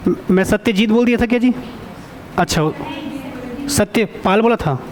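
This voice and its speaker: This high-voiced man teaches an exam-prep class online, constantly asking students for answers. He frequently breaks off to confirm with a brief "okay," fixes his own mistakes mid-flow, and a crowd can be heard behind him.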